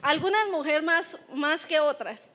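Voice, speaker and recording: A woman's voice: sits high, a little slow, a bit bright. A Colombian woman pastor in her thirties giving a chatty sermon in church, often checking in with the congregation. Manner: chatty, keeps asking the congregation "right?". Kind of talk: conversational sermon.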